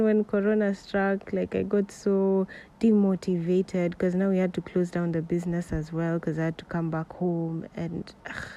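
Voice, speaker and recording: A woman's voice: lowish voice, mellow. A woman in her twenties with a Kenyan accent, chatting candidly and unscripted as a solo podcast host. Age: 20s. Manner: candid, conversational, rambling. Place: at home next to a road. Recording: noisy home recording beside a road. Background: faint street noise, passing cars.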